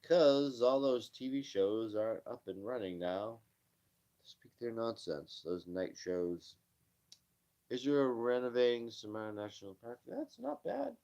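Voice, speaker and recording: A man's voice: on the low side, a little slow, mellow, muffled recording. A tired, yawning man casually reading news stories aloud on a live stream, stumbling over words and tossing off dismissive asides. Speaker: livestream host.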